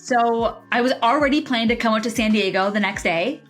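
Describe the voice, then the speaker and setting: Young female podcast co-host, animated casual storyteller, higher pitch, faint music bed. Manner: energetic, quick storyteller with animated voices.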